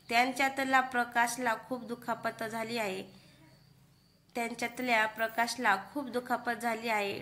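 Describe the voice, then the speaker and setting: A woman's voice: a little high, bright, forceful tone. A woman narrating a horror story in a dramatic, emphatic way.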